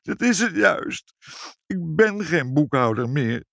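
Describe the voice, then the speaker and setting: A man voicing a tearful, broken middle-aged bookkeeper who stammers and sobs in a strained, high voice. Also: very animated, measured pace, no room sound, clean studio sound. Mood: distraught.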